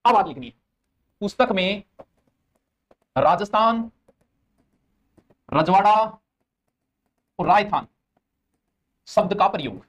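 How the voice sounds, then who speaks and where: In a live coaching session for exams, a Rajasthani-accented teacher speaks in a high, animated, somewhat bright voice. He jokes around, responds aloud to viewer comments, and slowly repeats important terms for rote learning.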